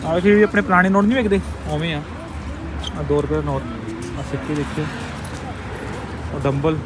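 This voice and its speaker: Fairly high in pitch and fairly quick, a young man's voice carries a Punjabi accent from India. He's casually vlogging his travels, walking around outdoor city markets and streets to show what's there. Recorded on a handheld camera or phone at arm's length, the clip is full of street and traffic noise.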